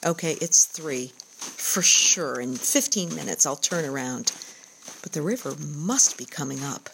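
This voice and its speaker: A woman narrating her own outdoor journal in a calm, descriptive, reflective first-person way. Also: deep voice, measured pace, creaky, noisy background.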